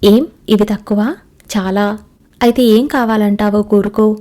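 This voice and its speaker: A playful young male doctor in a storybook, read aloud by a woman. His teasing comes through in a mellow voice with little rise and fall. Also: mid-range voice, fairly even intonation, a little slow, close to an everyday voice. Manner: playful, apologetic. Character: Krishna, young doctor husband, warm and playful.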